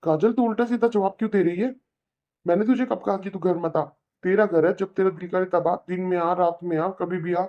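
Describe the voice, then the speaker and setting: A performer voicing an elder brother in a cartoon, calmly scolding and lecturing with a Hindi accent. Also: medium pitch, a little fast, dull audio, natural voice. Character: reasonable elder brother, young married man. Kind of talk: cartoon voice acting.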